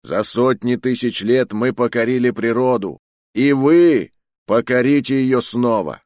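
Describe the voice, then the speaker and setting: A man's voice: medium pitch, measured pace, a little mellow, no echo, studio quality, pitched above the performer's own voice, natural voice. A man voicing a thundering adult male mentor who gives a grand, declamatory speech to young trainees in an audiobook. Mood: declaiming.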